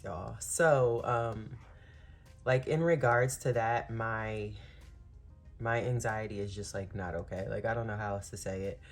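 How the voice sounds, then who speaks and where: A woman hosting a planning vlog, talking casually and openly about her feelings, rambling with lots of "like" and "um" and calling her viewers "y'all". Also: very deep voice. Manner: rambling, frequent "like" and "um" fillers; open and personal about feelings. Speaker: planning channel host. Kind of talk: casual confiding vlog chat.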